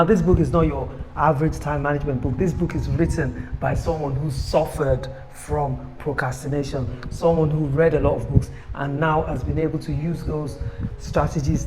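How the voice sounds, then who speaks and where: A man giving an upbeat, persuasive sales pitch for his own book, recorded on a phone camera. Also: noisy background. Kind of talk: motivational self-promotion video.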